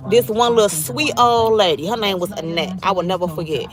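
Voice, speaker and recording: Crowd noise is audible as this Chicago vlogger, in her thirties, talks fairly quickly in a mid-range voice from her car. She's livestreaming as she drives, reading out comments with blunt, profane chatter in a Chicago accent.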